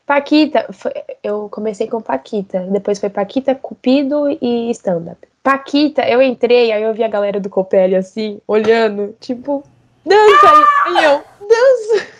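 A woman's voice: normal speed, few pauses. A woman, a dancer and choreographer, telling stories in a casual podcast chat. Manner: animated storytelling, rising pitch at emotional moments.

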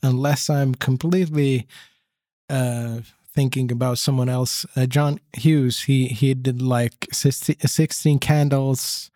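Podcast co-host, male, middle-aged, coughy, slow hesitant delivery with dry humour, close dry sound. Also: mid-range voice, steady tone, dark tone, no echo. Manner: halting, hesitant, dryly humorous. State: has a persistent cough. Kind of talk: casual chat.

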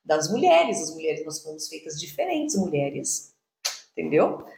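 A woman with a Brazilian Portuguese accent, a podcast co-host sharing a faith testimony in an animated storytelling way and laughing often. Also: deep voice, unhurried, vocal fry, reverberant, a little hiss or hum.

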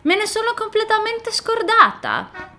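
A woman voicing an anxious, rule-minded little girl in a storybook reading, speaking in a raised, excited girlish voice. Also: very high voice, unhurried, gravelly, pitched above the performer's own voice, exaggerated voice. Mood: startled.

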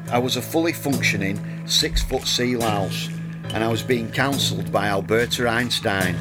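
A man in his thirties narrating a wry, deadpan personal story. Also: medium pitch. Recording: music playing under the voice.

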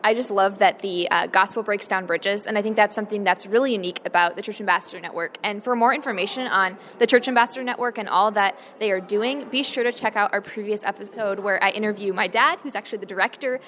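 A woman's voice: mid-range voice, fast, hardly any pauses, fairly bright tone. An American woman co-hosting a podcast in a conversational style, recorded in an echoey hall. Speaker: podcast co-host. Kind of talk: conversational presenting. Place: echoey, nearly empty state capitol hall. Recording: echoey hall, faint background noise.

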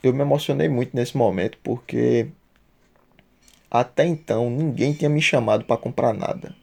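A man's voice: mid-range voice, normal speed, gravelly, darkish tone. A man telling a personal story casually, emotional and heartfelt, with a lot of slang.

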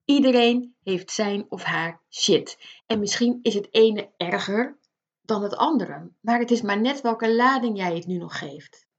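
A woman's voice: medium pitch, animated, measured pace, gravelly, highs cut off. A woman coaching the listener in a motivational self-help talk, earnest and direct, speaking straight to them. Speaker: life coach.

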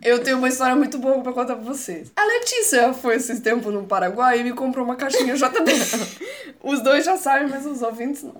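A young Brazilian woman co-hosting a casual podcast, telling stories in an animated way, mimicking shouts and laughing often. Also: high voice. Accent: Brazilian Portuguese. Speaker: podcast co-host.

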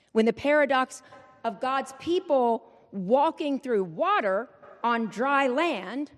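A woman preacher giving an Easter Vigil sermon into a pulpit microphone, in a measured, rhythmic style with repeated refrains. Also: a little high. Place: large church. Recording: long church reverb.

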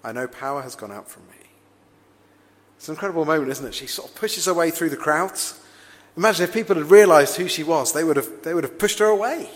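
A man's voice: a little high, quick pace, in a large hall. A man preaching a sermon in a reflective, conversational way, often asking his listeners rhetorical questions.

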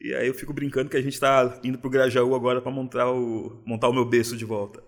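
A man's voice: medium pitch, fast. Paulistano guy chatting as a guest, laid back, reflective, says mano a lot. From São Paulo, Brazil. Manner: relaxed, reflective, uses street slang. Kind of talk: casual interview.

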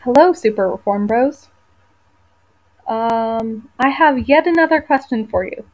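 A woman's voice: a little high, measured pace. A woman with a Canadian accent leaving a short, cheerful voicemail question for a podcast. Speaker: voicemail caller. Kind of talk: recorded voicemail message. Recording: dull lo-fi voicemail.

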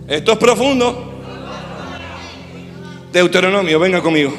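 A man preaching a sermon as pastor, shouting and calling on the congregation. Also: high voice, expressive, a little slow. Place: church. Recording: echoey hall with music.

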